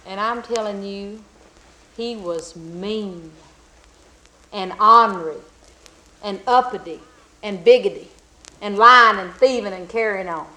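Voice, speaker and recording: A woman telling a folk tale in a folksy, drawn-out and emphatic way. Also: on the high side, pushed and bright, low-quality recording. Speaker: storyteller. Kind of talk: folk storytelling.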